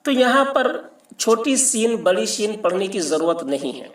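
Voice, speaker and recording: A man's voice: sits high, very animated, fairly bright tone, far from the mic. Patient man teaching the alphabet, roomy echo. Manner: patient, repeats and spells out each letter. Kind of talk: alphabet lesson. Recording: echoey room, mic set back.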